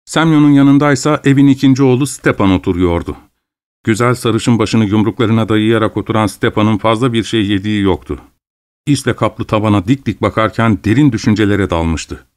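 A man narrating a story in a steady, measured audiobook reading. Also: lowish voice, dry recording.

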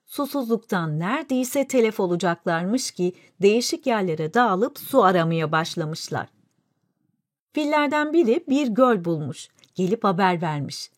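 A woman narrating a folk fable in a clear, even storytelling delivery. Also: medium pitch, unhurried, no echo, studio quality. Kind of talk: scripted fairy-tale narration.

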